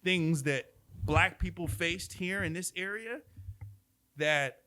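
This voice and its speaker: Middle-aged male podcast host with a high, ringing voice who tells stories with emphasis. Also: slow pace, sharp tone. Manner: storytelling, emphatic, with laughs. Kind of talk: casual podcast debate.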